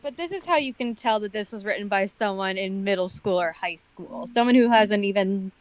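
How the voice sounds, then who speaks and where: A woman serving as guest commentator on a comedy reading show chats casually, explaining her points matter-of-factly. Her voice is mid-range and fairly quick, with no room sound.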